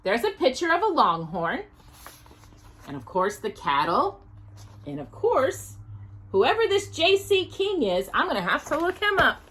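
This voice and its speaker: This bright, lilting woman's voice is high-pitched, with big swings in pitch and a measured pace. She hosts a Texas storytime show, reading a children's picture book aloud and adding chatty asides while musing with conversational curiosity.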